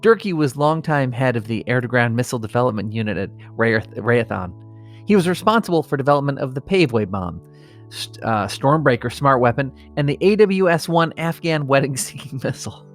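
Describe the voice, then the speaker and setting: Faint music plays behind an American comedy podcaster who reads mock obituaries with strained seriousness, keeps nearly breaking into laughter, and chats casually. His voice is mid-range, expressive, and fairly quick.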